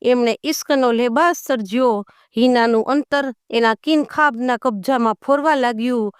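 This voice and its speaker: A woman's voice: fairly high pitch, normal speed, smooth, dry recording, studio quality. A woman narrating a folk tale in a dramatic storytelling manner, with rustic dialect in the characters' speech.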